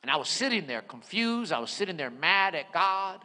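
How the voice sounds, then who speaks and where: A man in his forties preaching a sermon as a pastor, telling his story dramatically, dropping to a hush and rising to shouts. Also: high voice, sing-song, normal speed. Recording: echoey hall.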